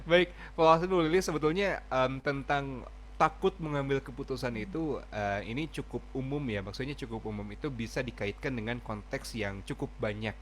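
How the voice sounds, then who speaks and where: A man's voice: mid-range voice, moderate pace, a little hiss or hum. Man hosting a radio talk show. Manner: frequent short affirmations, moderating.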